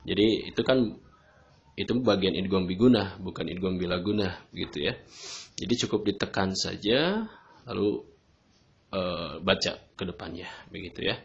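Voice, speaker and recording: A man teaching tajweed rules patiently, often pausing on "nah, gitu ya" as he explains. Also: low voice. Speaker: Quran recitation teacher. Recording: dull lo-fi recording.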